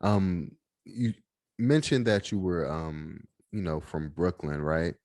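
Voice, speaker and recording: Man, very deep voice, dry recording, unhurried host, lots of "um". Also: a little mellow, no room sound. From Washington, D.C. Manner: unhurried, supportive, with many "um"s. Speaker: podcast host. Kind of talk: casual interview chat.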